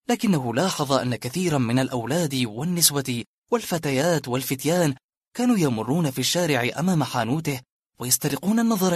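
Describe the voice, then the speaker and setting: A man reading a historical novel as an audiobook narrator, with steady, measured storytelling. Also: mid-range voice, slightly rough, dry recording, clean studio sound.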